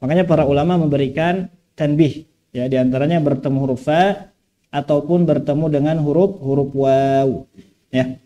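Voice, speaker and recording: Guy teaching quran reading at a mosque, high mellow voice, slow and patient, repeats each bit. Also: dull audio. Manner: patient, repeats phrases slowly for correction. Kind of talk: tajweed lesson with recitation.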